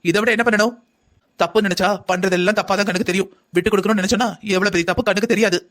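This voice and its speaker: His voice sits high and a bit bright, racing along with fairly even intonation. The speaker is a cartoon voice actor playing an entire family, delivering a heated, argumentative back-and-forth quarrel.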